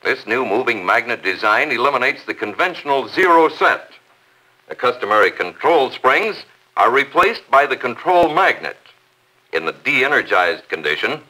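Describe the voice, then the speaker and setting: A man's voice: mid-range voice, pushed and bright, poor audio. A man narrating a 1950s corporate newsreel in a polished, promotional announcer manner.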